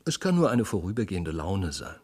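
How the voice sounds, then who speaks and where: Man reading a polite young clerk, measured, low voice, lively pitch, storybook. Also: slightly rough, full character voice.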